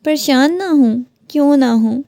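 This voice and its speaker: A woman's voice: a little high, fairly even intonation, gravelly, dark tone, dry recording, studio quality. A woman voicing a heartbroken young wife who keeps pleading with her husband. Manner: pleading, questioning.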